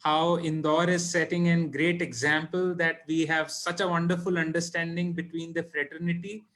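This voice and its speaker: A man's voice: a little high, flat delivery, moderate pace, fairly bright tone. A man with an Indian English accent moderating a webinar in a polite, formal way. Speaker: webinar co-host. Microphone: video call.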